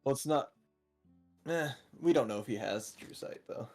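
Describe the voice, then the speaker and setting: A man's voice: mid-range voice, expressive, moderate pace, a little mellow, faint music behind. A man playing a tabletop game, chatting casually, laughing often and rambling with lots of "like.". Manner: giggly, rambling, says "like" often. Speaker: player.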